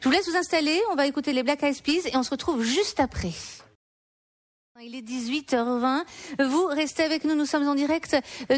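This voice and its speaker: A woman hosting a live radio show, leading the talk with short questions and introductions. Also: high voice. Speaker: radio host.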